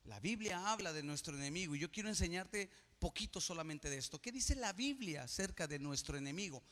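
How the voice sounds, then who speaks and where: Male pastor, fairly high bright voice, emphatic sermon, long church reverb. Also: lively intonation, a little fast. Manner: preaching, swelling to loud emphatic peaks.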